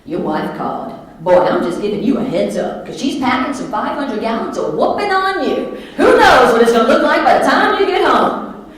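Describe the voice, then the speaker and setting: A woman's voice: high-pitched, very animated, moderate pace, distant mic, voice pushed up. A woman voicing a chirpy, teasing Southern stress-buster caller with a twang, in an echoey hall. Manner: bubbly, teasing, playful.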